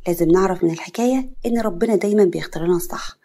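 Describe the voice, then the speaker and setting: A woman with an Egyptian accent narrating a dramatic family story in a brisk, matter-of-fact way. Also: lowish voice, warm tone, a little hiss or hum. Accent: Egyptian Arabic.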